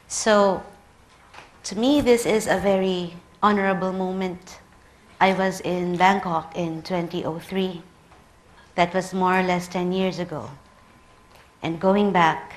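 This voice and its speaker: In a recording with a little hiss or hum, a woman's mid-range voice is heard giving a conference lecture. She's in her thirties, from the Philippines, a native Tagalog speaker with a Filipino accent, and tells personal stories with a light, humorous touch.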